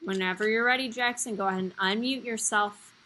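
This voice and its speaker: Speaking from a small room on a video call through her computer mic, a young woman teacher runs a live lesson for young kids. Her medium-pitched voice is brisk and sharp, with slight background noise, as she cheerfully sings out numbers like a children's TV host.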